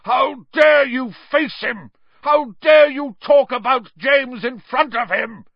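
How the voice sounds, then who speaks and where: A bitter, vengeful man, acted by a male narrator, harsh and snarling. His accusations swing widely in pitch with forceful emphasis, in the heated manner of a storybook drama, on a close, dry recording. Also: big pitch swings, unhurried, gravelly, breathy edge, no echo, lo-fi sound, exaggerated voice. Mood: roaring rage.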